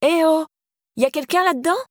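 A blunt, streetwise young woman from an audiobook, loud in her exclaiming and swearing yet gentle with a stranger. A woman reader voices her in a raised, breathy voice. The recording is dry and close. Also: on the high side, lively intonation, brisk, dry recording. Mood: brash.

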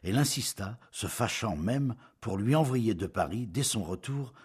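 Deep, husky male storybook narrator. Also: animated, moderate pace, darkish tone. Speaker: audiobook narrator. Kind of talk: scripted literary narration.

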